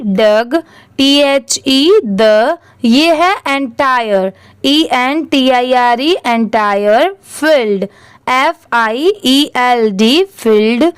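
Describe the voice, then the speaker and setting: A woman teaching English reading, spelling words out letter by letter and saying each one slowly for learners. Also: high voice, smooth, no room sound. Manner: spells words letter by letter in Hindi, then says them slowly.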